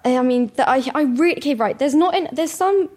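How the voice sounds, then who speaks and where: A woman's voice: sits high, animated, fairly quick, a little mellow. A woman, co-hosting a casual chat and exclaiming often as she cringes and giggles. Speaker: podcast co-host.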